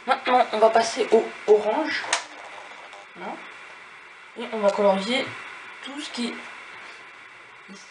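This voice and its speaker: A man's voice: very high voice, unhurried, long pauses. A man with a cold, sniffling as he explains a drawing tutorial step by step and counts squares aloud with lots of fillers. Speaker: tutorial host. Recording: echoey room with background noise.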